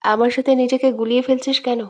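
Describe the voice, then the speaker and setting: A smug young rival who talks in a taunting, self-satisfied drawl, read by a woman. The voice sits a little high and is plainly read rather than acted. It carries the sly confidence of a storybook villain. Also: level tone, fairly quick, darkish tone. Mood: defiant. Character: scheming arrogant young man, rival.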